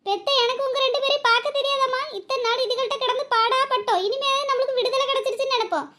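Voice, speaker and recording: Woman voicing a fierce young cartoon wife, very high voice, fast talk. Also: noisy background. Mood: comforting. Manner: fierce, scolding, then tender with her children. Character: defiant wronged young wife and mother. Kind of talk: cartoon voice acting.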